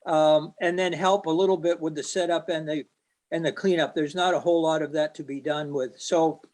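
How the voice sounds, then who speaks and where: A man making an announcement at a club meeting, asking for volunteers, speaking haltingly with fillers and restarts. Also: a little high, fairly even intonation, a little mellow.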